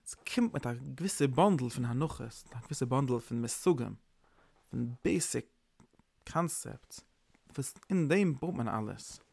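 A man's voice: medium pitch, animated, moderate pace, vocal fry, darkish tone, slightly rough. A man giving an informal, rambling sermon, mixing in English words. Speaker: preacher. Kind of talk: informal Yiddish-tinged sermon.

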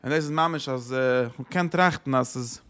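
A man's voice: mid-range voice, normal speed, a bit bright, clear, resonant tone. A man giving a religious lesson who asks rhetorical questions and repeats his phrases. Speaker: Torah teacher.

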